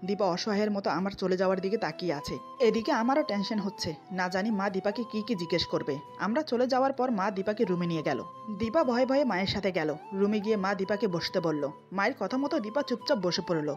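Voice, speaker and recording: Woman narrating a story over soft music. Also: medium pitch, quick pace. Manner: reads all characters' dialogue in a mostly even narrating voice. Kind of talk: Bengali audiobook story narration. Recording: dull lo-fi audio with faint music.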